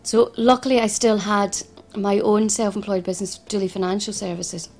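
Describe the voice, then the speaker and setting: A Glaswegian woman who founded a financial advice service tells her personal story in an interview at normal speed and medium pitch. Her delivery is flat but earnest, with frequent restarts and repetitions.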